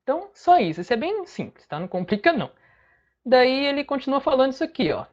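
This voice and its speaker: A woman's voice: high-pitched, very animated, fast, highs cut off. Patient Brazilian woman teaching English. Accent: Brazilian Portuguese. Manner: patient explaining, breaks phrases word by word. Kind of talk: online language lesson.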